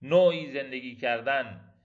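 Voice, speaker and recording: Male lecturer, rhetorical, repetition-driven delivery, dull lo-fi sound. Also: medium pitch. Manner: rhetorical and emphatic, builds on repeated phrases. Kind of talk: reflective religious lecture. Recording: dull lo-fi recording.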